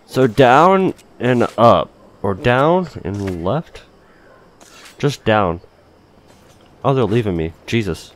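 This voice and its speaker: A man's voice: medium pitch, lively intonation, slow pace, pauses often. A man giving casual gameplay commentary, thinking aloud informally as he plays. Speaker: gaming video host.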